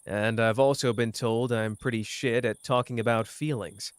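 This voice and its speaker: A man voices a cocky young male sorcerer in intimate roleplay audio acting, teasing his partner with tenderness in casual speech. His natural, clean, medium-pitched voice holds a steady tone at a moderate pace, with no echo. He sounds awkward and sincere, faltering whenever feelings come up.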